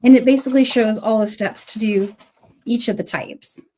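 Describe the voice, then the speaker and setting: At a moderate pace, a woman in her thirties or forties chats through a casual livestream beading class, her slightly high voice affected by a cold and an occasional cough. She's friendly and thanks viewers by name while working, and the audio has a slight hiss or hum.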